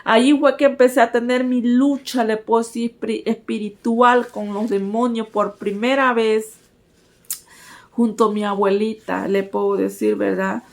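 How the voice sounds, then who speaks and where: A woman's voice: a little high, level tone, unhurried, creaky. A woman giving a personal religious testimony, earnestly speaking to her listeners as brothers and sisters.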